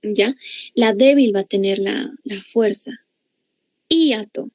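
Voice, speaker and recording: A woman's voice: mid-range voice, measured pace, a little mellow, no room sound, low-quality recording. A woman with a Bolivian accent teaching a grammar class, explaining patiently and often checking in with her students. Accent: Bolivian Spanish. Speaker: language teacher.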